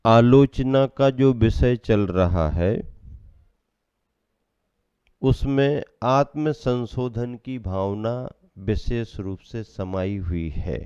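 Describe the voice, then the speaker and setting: A man giving a sermon as a Jain monk, preaching slowly and measuredly, asking rhetorical questions and answering them himself. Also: mid-range voice, mellow, clear, resonant tone, no room sound, muffled recording, faint music behind.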